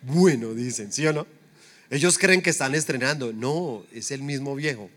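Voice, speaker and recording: A man's voice: mid-range voice, normal speed, sharp tone. A middle-aged man preaching a conversational sermon, full of rhetorical questions to the congregation. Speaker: pastor.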